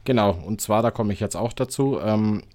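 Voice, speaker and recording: A German man with a fairly low voice co-hosts a podcast in an easygoing, friendly way. The sound is dry and close, with no room echo. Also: fairly even intonation, normal speed, darkish tone. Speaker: podcast co-host. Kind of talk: casual chat.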